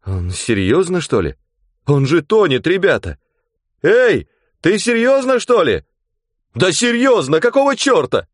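A man reading aloud and voicing flustered young bespectacled men who talk in an agitated, excited way. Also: low voice, normal speed, few pauses, no room sound, clean studio sound.

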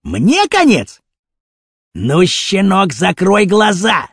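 Brief: a male narrator playing a jeering storybook crook, husky with a lively swing. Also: high-pitched, unhurried, dry recording, studio quality, voice pushed up, heavily acted. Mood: sneering. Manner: mocking, sneering. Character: sly mustached male crook, jeering and vengeful.

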